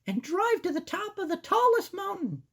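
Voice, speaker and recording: A woman voicing a perky, bold young female mouse explorer with a squeaky voice for a children's storybook. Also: sing-song, moderate pace, vocal fry, fairly bright tone, exaggerated voice. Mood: coaxing. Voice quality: squeaky, shrill.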